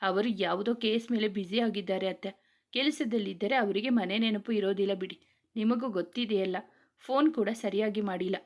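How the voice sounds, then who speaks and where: Woman voicing a gentle young mother. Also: medium pitch, brisk, natural voice. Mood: soothing.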